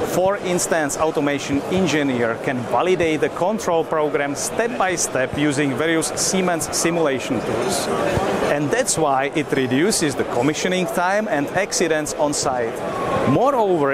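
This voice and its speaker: Man presenting at a noisy trade fair. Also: fairly high pitch. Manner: formal, explanatory, slightly non-native phrasing. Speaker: technical marketing manager. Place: busy trade-fair booth, indoors. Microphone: lapel mic. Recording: loud background noise from a busy trade hall. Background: loud crowd and hall noise.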